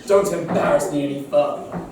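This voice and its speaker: A woman playing a vain, boastful young male hunter with pompous, drawn-out delivery, heard from far off in an echoey hall. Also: sits low, a crowd in the background, natural voice. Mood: smug. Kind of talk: amateur pantomime acting. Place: large hall with live audience.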